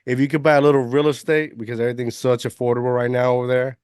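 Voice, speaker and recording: A man's voice: mid-range voice, little pitch movement, rapid-fire, a little mellow, smooth, no echo, clean studio sound. A man from Puerto Rico hosting a podcast interview, enthusiastic and often restarting his sentences. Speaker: podcast host. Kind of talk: casual interview chat.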